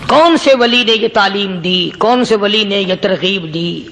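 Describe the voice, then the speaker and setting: A man's voice: high voice, creaky, pushed and bright, slight background noise. A man preaching a sermon, telling a story with emphatic repetition. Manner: storytelling, emphatic repetition, chanted Arabic verses.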